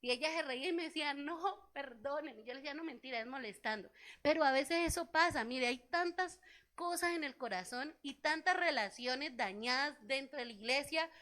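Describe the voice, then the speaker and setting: A woman pastor delivers a sermon in a church, her voice high and bright. She tells a personal story, acts out the voices of the people in it, and keeps turning to the congregation with questions. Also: moderate pace. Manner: storytelling, acts out quoted dialogue; asks the congregation rhetorical questions.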